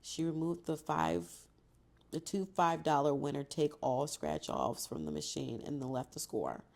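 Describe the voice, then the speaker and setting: A woman reading a street novel aloud, stopping now and then for casual, profane reactions. Her voice sits low with a gravelly, creaky edge. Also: lively intonation, measured pace, darkish tone. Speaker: book reader and reactor.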